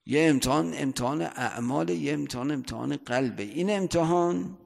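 A man, a seminary cleric, giving a conversational religious lecture, often checking that listeners follow and rising sharply in loudness for emphasis. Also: a little high, vocal fry. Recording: long hall reverb.

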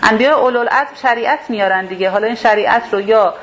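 A woman's voice: a little high, a bit bright. A woman leading a religious class, explaining a verse step by step and rephrasing its terms. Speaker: Quran teacher. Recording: dull lo-fi sound with faint hiss.

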